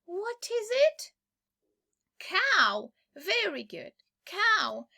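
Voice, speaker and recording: A woman with a Polish accent teaches English to small children in an exaggerated sing-song style, full of repetition, as though reading to a toddler. Her very high voice is gravelly yet bright and forceful, extremely slow and very animated.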